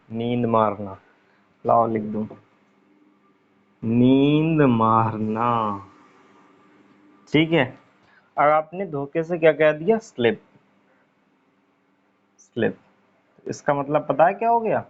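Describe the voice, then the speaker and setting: Slow-talking man teaching English. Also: medium pitch. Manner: repeats words slowly while writing on a board, frequent 'theek hai'. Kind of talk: casual online lesson. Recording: dull lo-fi recording.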